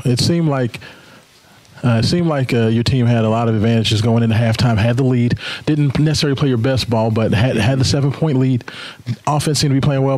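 A male reporter working through a question in halting pieces, pausing on fillers. His voice sounds close and dry, with no room around it. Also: medium pitch, a little mellow, no room sound. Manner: halting, hesitant phrasing with fillers. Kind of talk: press conference question.

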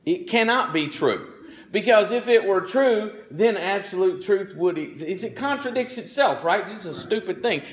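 Folksy preaching man, fairly high voice. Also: lively intonation, moderate pace. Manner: folksy, conversational preaching with frequent asides; clears throat often. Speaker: pastor. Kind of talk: sermon.

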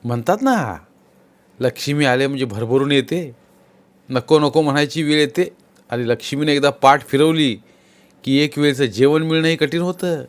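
A man narrating a village novel as an audiobook, reading in a steady, expressive way. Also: a little high, normal speed. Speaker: storyteller.

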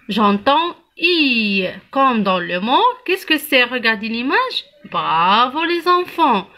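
A woman teaching young children to read, spelling out letters and syllables slowly and praising the class often. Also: on the high side, pushed and bright. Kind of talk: early reading lesson for young children.

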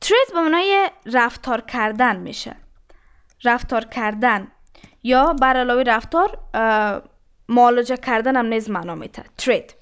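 A woman gives an English lesson in a notably high voice. She reads each English phrase slowly and carefully, then explains what it means. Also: animated, a bit bright, clear, resonant tone. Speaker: English teacher. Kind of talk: language lesson.

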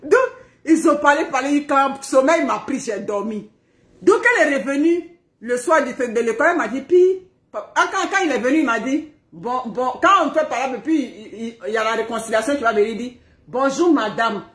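A high-pitched middle-aged woman tells her viewers about life at home in a loose, chatty live stream. She laughs often and acts out family arguments with lively energy. Her voice rings in an echoey room. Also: brisk. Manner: animated, laughing, acting out family quarrels. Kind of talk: casual storytelling to viewers. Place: at home, indoors.

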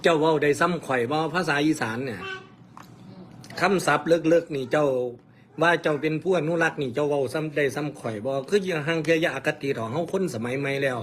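A man with an Isan accent from the Khon Kaen area chats casually on a livestream, earnest and plain-spoken as he lectures his viewers. His voice sits a little high for a man. A faint hiss of noise runs underneath. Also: fairly quick, fairly bright tone. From Isan, northeastern Thailand. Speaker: mor lam performer answering comments on a livestream.

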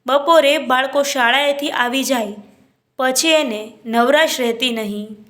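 A woman's voice: high-pitched, unhurried, fairly bright tone. A woman reading a family drama aloud as a storyteller, narrating in her own voice and speaking every character's lines without putting on voices.

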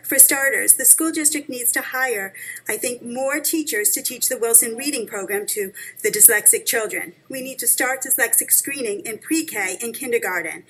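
A woman's voice: on the high side, normal speed, sharp tone, breathy edge, rough recording. A woman in her thirties, a parent reading a prepared statement at a school board meeting with earnest urgency into a table microphone. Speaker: parent speaking at public comment.

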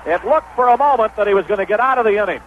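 An American play-by-play announcer calls a baseball game in 1970s radio style, his high-pitched voice expressive and very fast. The sound is dull and noisy, like an old AM radio broadcast.

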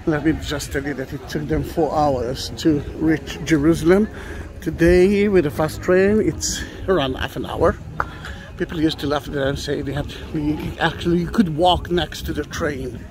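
Walking through the open plaza of an old train station, a middle-aged guide from Israel narrates an off-the-cuff tour vlog into a phone or camera he's carrying. He talks at a moderate pace in a somewhat high, fairly even voice, hesitating often, restarting, and leaning on fillers. Background noise is audible.

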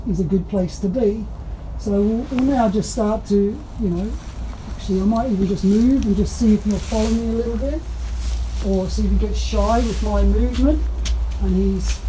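A middle-aged man, a horse trainer, calmly explaining what he is doing as he works with a young horse. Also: high-pitched, slight background noise, poor audio. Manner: calm, steady running commentary. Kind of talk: explaining while working. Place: outdoors at a farm and in a wooden stable.

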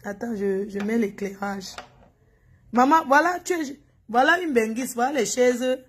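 Woman, higher voice, gossip host, mocking commentary, scolding and teasing. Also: animated, measured pace, slightly rough. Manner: scolding, teasing, talks straight at the person on screen. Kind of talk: mocking commentary over a video.

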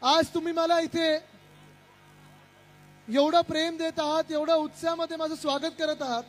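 Young male politician, rally speech, loud and direct, very high pitch, light music underneath. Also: little pitch movement, moderate pace. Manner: loud, shouting over the crowd; addresses the crowd and stage directly.

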